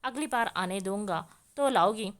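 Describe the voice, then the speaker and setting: A woman's voice: medium pitch, a little slow, close to an everyday voice. Woman reading as a strict young man, stern, scolding, tutor-like. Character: strict older male cousin, stern tutor.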